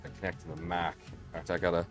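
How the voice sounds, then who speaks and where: A man's voice: low-pitched, monotone, quick pace, a bit bright, faint music behind. A man in his late twenties hosting a casual live stream, rambling and chatty with lots of fillers and restarts. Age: 20s.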